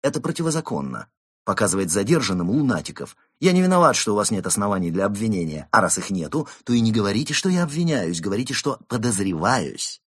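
Cheeky talkative tomcat, voiced by a man, husky, bouncy intonation. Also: on the low side, big pitch swings, quick pace, fairly bright tone, dry recording, studio quality, heavily acted. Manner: glib, mock-innocent, argumentative. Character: cheeky smooth-talking male tomcat suspect.

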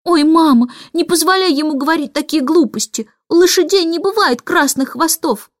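A woman's voice: moderate pace, no echo, clean studio sound. A woman doing a bossy little girl. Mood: indignant. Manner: high, insistent.

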